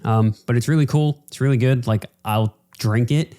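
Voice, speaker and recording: A man's voice: medium pitch, normal speed, warm tone, clean tone. A man hosting a casual solo podcast, talking in an informal, rambling, sweary way. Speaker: podcast host.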